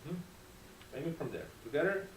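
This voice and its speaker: A man's voice: on the high side, big pitch swings, fairly quick, slight background noise. A man teaching a guitar masterclass, encouraging his student and singing phrases to show the line. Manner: encouraging, sings phrases to demonstrate. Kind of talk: masterclass coaching. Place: convention room, heard from a distance. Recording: roomy, distant sound with guitar playing. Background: guitar playing.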